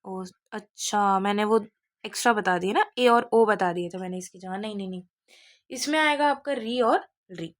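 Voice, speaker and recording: A woman teaching a Sanskrit lesson for an exam. She explains step by step, keeps asking whether the students have understood, and corrects her own slips as she goes. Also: mid-range voice. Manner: explains step by step, checks understanding with quick questions. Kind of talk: exam-focused classroom lesson.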